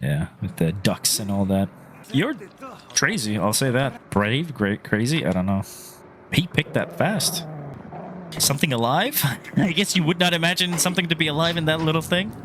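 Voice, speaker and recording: A man's voice: fairly high pitch, animated, moderate pace, noisy background. A man with a Finnish accent chatting casually while reacting to an anime episode, rambling, swearing and laughing at himself. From Finland. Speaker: reaction channel host.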